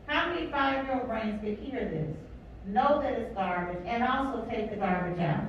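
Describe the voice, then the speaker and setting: Woman counselor running a teacher workshop, emphatic and questioning, high voice, heard from afar in a big room. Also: normal speed, lo-fi sound, noisy background. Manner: emphatic, asks the room questions and repeats key words. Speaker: counselor leading a teacher training. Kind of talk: workshop talk to a live audience. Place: large echoey room with an audience. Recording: echoey hall from far off.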